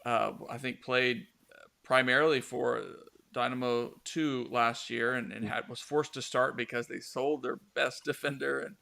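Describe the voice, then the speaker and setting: A man's voice: medium pitch, fairly even intonation, unhurried, creaky, bright, forceful tone. A man hosting a casual soccer talk show, rambling with many fillers and restarts. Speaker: podcast host.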